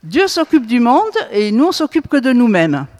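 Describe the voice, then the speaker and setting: A woman's voice: on the high side, sing-song, moderate pace, a little mellow. Lady teaching a bible group, keeps asking "hein?", big hall echo. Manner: asks the group questions, frequent tag "hein?" and "hmm?". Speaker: Bible study leader. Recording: long reverb in a hall.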